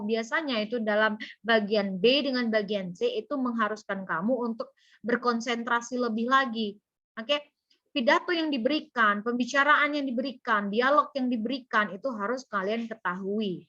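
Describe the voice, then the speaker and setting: A woman's voice: fairly high pitch, bright, forceful tone. A woman English teacher with an Indonesian accent, giving an online class lecture and repeating each point in two languages. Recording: dull lo-fi audio.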